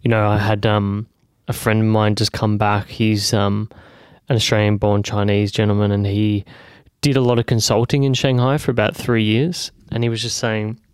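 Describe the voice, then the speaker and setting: A man's voice: lowish voice, level tone, normal speed, smooth, dry recording, studio quality. A man hosting an interview, asking questions in a casual, chatty way with many short acknowledgements. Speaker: interview host. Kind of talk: conversational interview.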